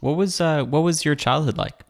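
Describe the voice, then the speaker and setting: A man's voice: a little high, moderate pace, gravelly. A man interviewing a guest, asking short prompting questions and murmuring along.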